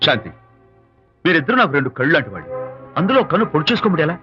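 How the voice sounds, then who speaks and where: A man's voice: fairly high pitch, sing-song, rapid-fire, bright, forceful tone. An actor playing a headstrong young husband who argues with his wife in an old film scene. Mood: stern. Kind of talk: 1990s film dialogue. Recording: muffled film soundtrack with music.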